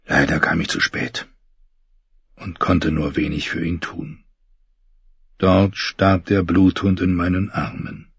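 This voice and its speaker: A man voicing a weary middle-aged holy man, a former knight, speaking quietly and confessionally in an audiobook. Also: low-pitched, level tone, takes it slowly, vocal fry, pauses often, husky, no room sound, full character voice. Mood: regretful. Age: 40s. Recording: dull muffled recording.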